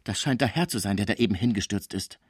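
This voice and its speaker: A man's voice: fairly low pitch, animated, quick pace, slightly rough, dry recording, clean studio sound. A man voicing a scheming middle-aged concierge woman who nurses the sick, overwrought and indignant as she protests her honesty.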